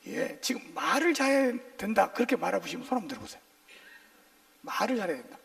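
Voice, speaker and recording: A male pastor preaching a sermon in a lively, joking way, firing questions at his congregation for call-and-response. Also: high voice, quick pace, vocal fry, distant mic. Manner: jokey, playful asides.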